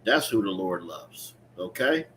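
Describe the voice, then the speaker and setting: Low-pitched but fairly bright, with big pitch swings and a measured pace, a man preaches and explains scripture emphatically. He repeats phrases and checks in with listeners while leading a scripture teaching, a street-preaching style sermon with call-and-response reading. The recording is clearly noisy with ambient background sound.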